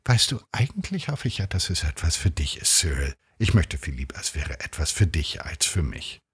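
A man voicing an excitable, pleading middle-aged wife in a read short story. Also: extremely low pitch, normal speed, breathy edge, heavily acted. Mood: eager. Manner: breathless, pleading, fluttery.

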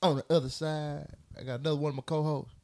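A man's voice: a little high, level tone, fast talker, darkish tone. A man hosting a casual podcast, joking and laughing often with his co-hosts. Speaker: podcast host.

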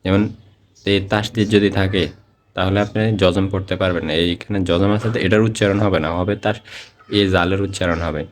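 A man who speaks with a Bangladeshi Bengali accent leads a slow lesson on reading the Quran, going step by step and reciting every example word slowly and at length. His voice sits low, and his tone stays steady.

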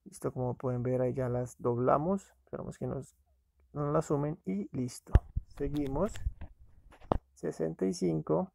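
Gravelly man narrating an app walkthrough. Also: on the high side, steady tone, moderate pace, mellow, slight background noise. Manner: casual, addresses viewers as friends. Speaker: app reviewer. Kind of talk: screen-recorded app walkthrough.

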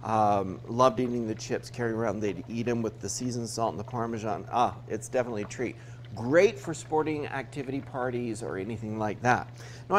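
Middle-aged guy from utah doing a tv cooking demo, lively up and down voice, faint hum behind. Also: mid-range voice. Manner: chatty, explains each step while cooking. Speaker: TV cooking show host. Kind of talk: cooking demonstration. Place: TV studio kitchen set.

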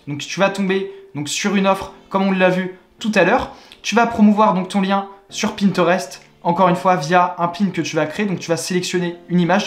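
Young French male tutorial host, high voice, chatty salesy delivery, roomy echo. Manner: chatty, repeats filler words, upbeat salesy instructions. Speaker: online money-making tutorial host. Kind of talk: screen-recorded tutorial walkthrough. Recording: echoey room.

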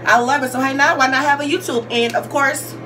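Answering vlog questions in casual, repetitive slang, this YouTube vlogger is a woman in her twenties from Georgia in the United States, with a Southern accent. She talks a little fast in a high, fairly evenly intoned voice, with background noise behind her.

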